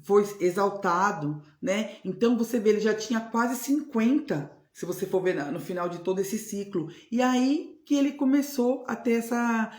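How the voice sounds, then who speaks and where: A woman's voice: medium pitch, normal speed, hardly any pauses, a little mellow. Earnest Brazilian woman teaching in a roomy space. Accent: Brazilian Portuguese. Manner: earnest, repetitive, tag questions. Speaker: spiritual mentor. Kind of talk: devotional teaching talk. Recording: roomy echo.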